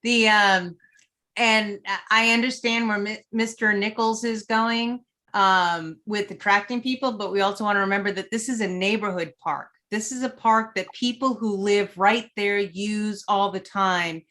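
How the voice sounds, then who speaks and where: A woman on a city council speaks up with a bright, clear voice. She talks conversationally and sometimes adds a quick joking aside. This is a plain council meeting discussion. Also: mid-range voice, steady tone. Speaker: council member.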